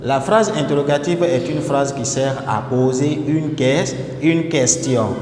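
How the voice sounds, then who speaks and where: Slow-talking man teaching grammar. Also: mid-range voice, a little mellow. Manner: slow, repeats words and breaks them off mid-word. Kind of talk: grammar lesson. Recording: echoey room with long reverb and faint noise.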